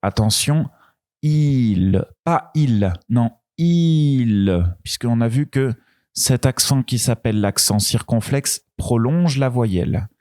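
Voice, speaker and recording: A man's voice: medium pitch, a little mellow, no room sound, studio quality. A man teaching beginners French pronunciation, patient and repeating each sound with care. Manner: patient, repeats each syllable with a drawn-out delivery. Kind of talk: slow beginner pronunciation lesson.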